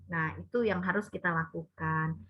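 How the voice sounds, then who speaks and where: A woman's voice: fairly low pitch, fairly even intonation, moderate pace. A woman giving a parenting talk, speaking to the parents as Bapak Ibu and acting out what mothers and children say. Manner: addresses listeners as Bapak Ibu, acts out mother and child lines. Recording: dull lo-fi recording.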